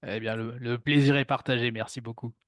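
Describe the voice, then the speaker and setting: Dry-sounding male podcast co-host, medium pitch. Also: fairly even intonation, brisk, dry recording. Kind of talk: conversational explanatory hosting.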